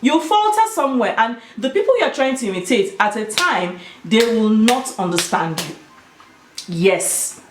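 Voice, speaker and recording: A woman's voice: a little high, sing-song, moderate pace, noisy background. A woman with a Nigerian Igbo accent talking casually and emphatically to her viewers, giving her opinions. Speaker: video host. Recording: roomy, echoing sound.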